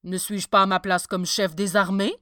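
A woman's voice: medium pitch, big pitch swings, quick pace, dry recording, studio quality, lightly acted. A woman voicing a blustering male army commander in a storybook reading.

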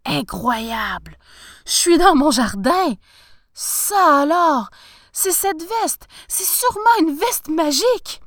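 A woman voicing an excitable, easily delighted male professor in a storybook reading, exclaiming in a high, breathless voice. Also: a little slow, no echo, clean studio sound. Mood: excited.

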